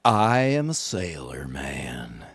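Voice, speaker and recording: A man's voice: very deep voice, wildly swooping pitch, slow pace, vocal fry, fairly bright tone, slightly rough, dry recording, clean studio sound, pitched below the performer's own voice, full character voice. A man doing a whispered role-play of a proud old-time male sailor, drawing the words out.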